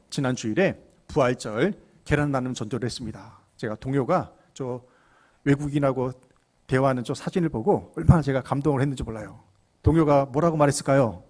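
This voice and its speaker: A man's voice: medium pitch, darkish tone, husky. A middle-aged man preaching a sermon as pastor, earnest, asking the congregation rhetorical questions. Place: church sanctuary.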